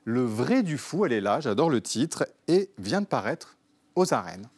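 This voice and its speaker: A man's voice: mid-range voice, big pitch swings, moderate pace, darkish tone, slightly rough. A man hosting a panel show, introducing guests with playful, teasing banter. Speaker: TV and radio host.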